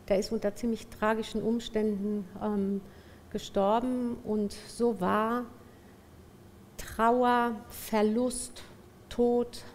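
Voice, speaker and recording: Woman from Ecuador, slow reflective testimony, halting with pauses; faint room ambience behind. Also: mid-range voice, a little mellow, a little hiss or hum. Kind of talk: personal testimony.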